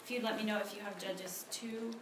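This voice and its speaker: At a church ministry meeting, a woman in her thirties from Honduras tells her personal story and prays, speaking fairly quickly in a mid-range voice with fairly even intonation. Her conversational talk is peppered with ums and false starts. Background noise and echo come through on the phone recording, which sat on a table.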